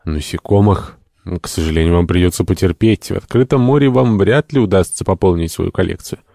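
A man voicing a calm, dryly ironic middle-aged sea captain. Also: low-pitched, a little fast, vocal fry, no room sound. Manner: calm, dry irony.

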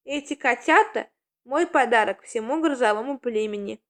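A woman's voice: fairly high pitch, measured pace, a little mellow, natural voice. Woman voicing a tender new mother cat.

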